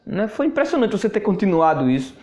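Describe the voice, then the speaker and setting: Man, fairly high voice, laughing storyteller, roomy echo. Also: big pitch swings, fast talker, darkish tone. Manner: chatty, laughs often, repeats words. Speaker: network marketing mentor. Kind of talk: casual anecdote telling. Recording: echoey room.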